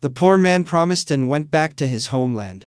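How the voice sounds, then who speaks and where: Calm man telling a fairy tale. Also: a little high, moderate pace, clean tone, no echo, studio quality. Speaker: storyteller.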